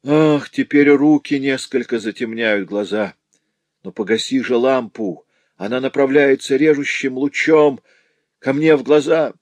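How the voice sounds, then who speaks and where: A man's voice: mid-range voice, a little slow, a little mellow, no room sound, voice pushed up, lightly acted. A man reading an audiobook, voicing a delirious male notary who raves with feverish passion in frantic exclamations. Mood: anguished. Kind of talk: audiobook character voice.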